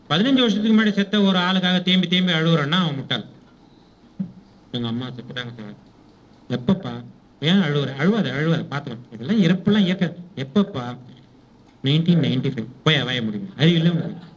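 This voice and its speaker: A man giving a spiritual talk to an audience in a conversational way, often asking them questions and acting out short exchanges. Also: high-pitched. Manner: conversational, questions the audience, acts out little dialogues. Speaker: spiritual teacher. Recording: dull lo-fi recording.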